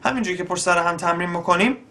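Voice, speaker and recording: A young man with an Iranian Persian accent, explaining beatbox basics in a relaxed spoken tutorial. His voice sits a little high for a man, and he often stops to search for words with frequent fillers. The talk is unhurried and stays step by step. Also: over loud music. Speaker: beatbox teacher.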